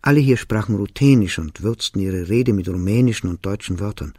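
A man reading a novel aloud as narrator, telling the story in a calm, measured way. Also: lowish voice, dry recording, studio quality. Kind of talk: audiobook reading.

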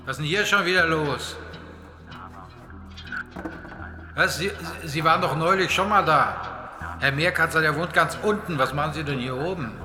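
An actor playing a gruff, suspicious, dismissive neighbour in a radio drama, in an echoey room. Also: male voice, medium pitch, measured pace, lightly acted. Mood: suspicious, annoyed. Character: grumpy, suspicious male neighbour. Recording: echoey room with music behind.

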